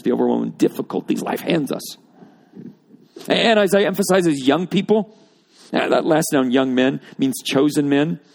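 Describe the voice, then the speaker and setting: A man's voice: medium pitch, vocal fry, darkish tone. A man preaching a sermon to a congregation, explaining scripture and building emphasis on repeated phrases. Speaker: pastor. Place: church or auditorium with congregation.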